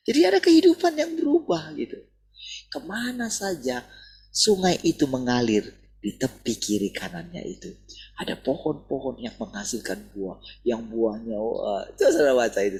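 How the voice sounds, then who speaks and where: A man's voice: medium pitch, big pitch swings, normal speed, breathy edge, rough recording. A man preaching a sermon in a conversational way, often turning to address his listeners directly.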